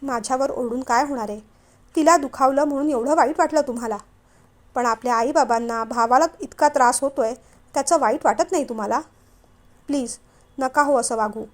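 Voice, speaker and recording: A woman voicing a gentle young wife who earnestly pleads with her husband to make peace with his family. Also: sits high, brisk, lightly acted. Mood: pleading.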